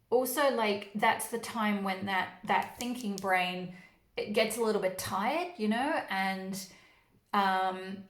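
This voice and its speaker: A woman from New Zealand with a New Zealand accent, giving a casual, rambling tarot reading with many fillers and restarts. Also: mid-range voice. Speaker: tarot reader. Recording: roomy echo.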